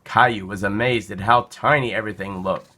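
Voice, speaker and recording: A man with a fairly low pitch reads a children's picture book aloud. His storytelling is expressive and deliberate.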